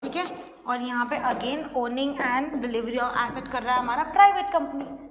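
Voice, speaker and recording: High-voiced teacher in an echoey room. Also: female voice, measured pace. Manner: explains with questions, mixing Hindi and English. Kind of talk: online class lecture. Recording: echoey room, faint noise.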